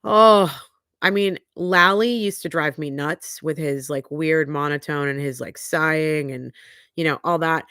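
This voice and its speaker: On her home livestream, a woman with a stuffy, sniffly nose casually recaps a trial, chatty and bluntly opinionated, using lots of fillers. Her low voice moves a little slowly, with a bit of brightness and a clear, resonant tone. The studio-quality recording has no echo.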